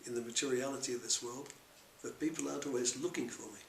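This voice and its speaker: Man doing a gentle old sage, soft, quiet, roomy echo, faint background hiss. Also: mid-range voice, quick pace, vocal fry, lightly acted.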